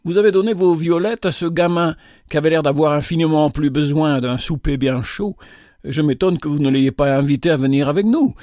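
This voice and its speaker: A man's voice: on the high side, brisk, warm tone, no echo, studio quality, natural voice. A man voicing a haughty, impatient rich young woman who talks with scorn.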